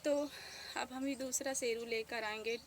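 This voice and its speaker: Soft-spoken grieving woman vlogger. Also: on the high side, steady tone, unhurried. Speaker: village vlogger. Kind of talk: casual vlog storytelling. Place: outdoors in a village. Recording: noisy outdoor village ambience.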